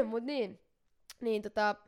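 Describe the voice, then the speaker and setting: A young woman with a fairly high voice, chatting casually. She tells a story in a loose, rambling way, full of fillers and restarts. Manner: animated storyteller, lots of fillers. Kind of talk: casual chat.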